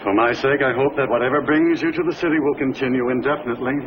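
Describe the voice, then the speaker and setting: Courtly, gallant gentleman suitor, played by a man, noisy recording. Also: mid-range voice, fast talker, highs cut off, close to an everyday voice. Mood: courtly, flattering. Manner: courtly gallantry, effusive and formal compliments. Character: courtly, flattering gentleman suitor who loves poetry. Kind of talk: old-time broadcast comedy-drama acting. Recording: noisy vintage broadcast recording.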